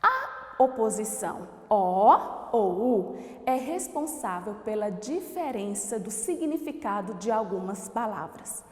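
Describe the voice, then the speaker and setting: A woman teacher from Brazil giving an online grammar lesson, speaking slowly and sounding out each word while checking in with her pupils. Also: medium pitch, sing-song, roomy sound, in a large hall. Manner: slow, didactic, sounds out words and asks the class questions.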